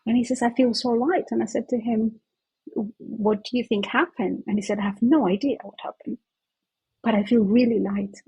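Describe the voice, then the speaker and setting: A woman with a very husky, breathy voice and a gravelly edge, talking earnestly through a story from her practice. She speaks as an interview guest, with dry, close sound around her. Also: a little high, normal speed, no room sound, dull audio. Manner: earnest, animated anecdote-telling. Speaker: guest, myofunctional therapist.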